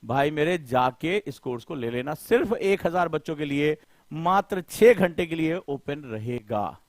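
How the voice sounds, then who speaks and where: Man, middle-aged, live lecture, impassioned, rhetorical, high-pitched, dry recording. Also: lively intonation, a little slow, no room sound. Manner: colloquial, addresses students directly. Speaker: coaching teacher.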